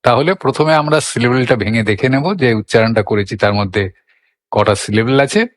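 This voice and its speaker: A man's voice: mid-range voice, normal speed. An older man teaching a recitation lesson, explaining patiently and answering his own questions. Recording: long hall reverb.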